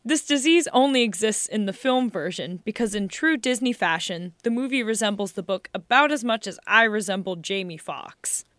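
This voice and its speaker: A woman co-hosting a podcast, reading scripted narration in a measured, deadpan manner. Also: mid-range voice, no echo. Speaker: podcast co-host.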